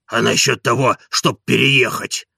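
A man's voice: mid-range voice, fairly even intonation, a little slow, gravelly, bright, forceful tone, slightly rough, no room sound, studio quality, exaggerated voice. A man reading an audiobook and voicing a timid, grumbling old male servant who mumbles and pleads. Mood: pleading.

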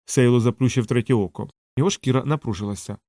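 A man narrating an audiobook in a steady, even storytelling manner. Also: medium pitch, quick pace, dry recording, studio quality. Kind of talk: scripted narration.

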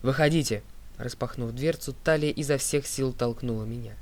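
A man reading an audiobook as narrator, in a steady, clear voice that drops low on speaker tags. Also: moderate pace. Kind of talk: scripted narration.

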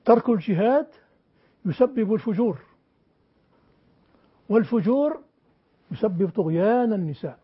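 Older man lecturing in a husky voice. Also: sits high, animated, moderate pace, long pauses. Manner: emphatic, quizzes students. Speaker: teacher. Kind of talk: classroom lecture. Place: classroom with a board. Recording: dull lo-fi lecture recording.

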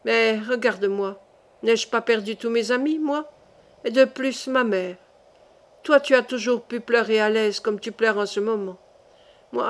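A woman voicing a young king who is dying, gentle and resigned, pleading softly and earnestly with his grieving sister. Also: fairly high pitch, close to an everyday voice.

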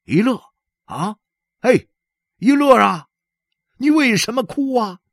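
A man voicing a kindly blacksmith who gently coaxes a crying boy to go home. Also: very high voice, lively intonation, slow, no echo, clean studio sound, pitched above the performer's own voice, heavily acted. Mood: coaxing. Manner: gentle, coaxing.

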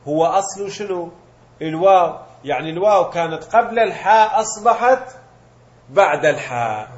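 A male teacher walks through a grammar lesson step by step, asking questions and then answering them himself. His voice sits a little high. The recording is dull and lo-fi. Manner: mixes colloquial Gulf Arabic with classical terms. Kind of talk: Arabic morphology lesson.

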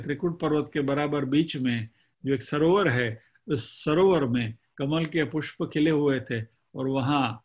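A man giving a spiritual discourse, retelling a scripture story slowly and deliberately, with pauses between phrases. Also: fairly high pitch. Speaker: spiritual teacher.

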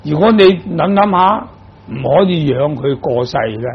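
A man's voice: on the high side, expressive, a little slow, vocal fry, slightly rough, muffled recording. An older man from Guangdong, a Buddhist monk giving a sermon, explaining patiently and posing rhetorical questions to his listeners. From Guangdong, China. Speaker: Buddhist monk teaching dharma.

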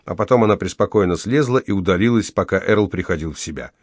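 A man reading a novel aloud in steady, measured scripted narration. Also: low-pitched, no room sound, clean studio sound. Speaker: audiobook narrator.

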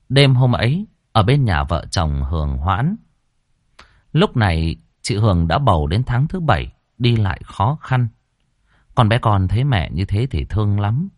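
A man reading a ghost story in a dramatic, expressive way. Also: on the low side, no room sound, clean studio sound. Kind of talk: scripted ghost story narration.

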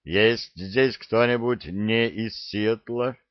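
A mocking male drill sergeant, put on by a male reader barks scornful orders in a low, drawn-out voice. His contempt for the recruits shows in every clipped command. The audiobook recording is dry and dull, lacking highs. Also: expressive, no room sound. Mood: stern. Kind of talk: audiobook character voice.

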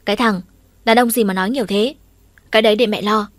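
A woman voicing a sharp-tongued middle-aged mother who scolds and curses loudly, reading an audiobook. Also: mid-range voice, fairly even intonation, fast talker, no room sound, close to an everyday voice. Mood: scolding. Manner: gruff, cursing, snapping.

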